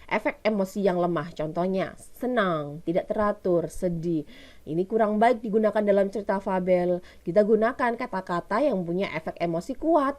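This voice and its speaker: A woman's voice: medium pitch, normal speed, a little mellow. A woman teacher with an Indonesian accent giving a recorded lesson, explaining step by step and asking her pupils questions she answers herself.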